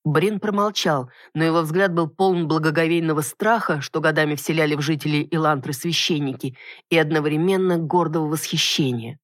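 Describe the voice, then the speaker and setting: A woman narrating a fantasy audiobook in steady first-person reading. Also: sits low, a little fast, no room sound, clean studio sound.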